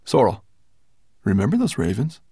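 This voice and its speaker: A calm, thoughtful male dragon, as a narrator puts him on, speaking steadily and earnestly. The voice is low and gravelly, recorded close and dry. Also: normal speed, no room sound, exaggerated voice.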